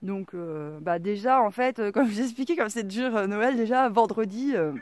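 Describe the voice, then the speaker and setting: A woman's voice: mid-range voice, normal speed, darkish tone, no room sound. A middle-aged woman with a strong regional French accent, vlogging in a casual, rambling way, full of slang and fillers. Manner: rambling, lots of fillers like "quoi" and "euh", slangy. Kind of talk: casual vlog monologue.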